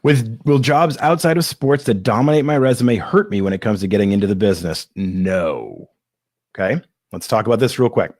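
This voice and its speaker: Animated and rambling, this male host takes live audience questions in a casual streamed Q&A, candid and quick to laugh at himself. He coughs and hiccups now and then, speaking at a moderate pace with a fairly low, darkish voice. The studio-quality recording has no echo.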